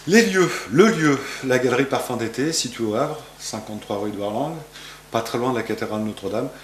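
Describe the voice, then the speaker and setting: A French painter in his fifties answers interview questions inside his art gallery, rambling with lots of fillers and restarts. His medium-pitched voice is animated and fairly quick, and the room sound carries a little hiss or hum.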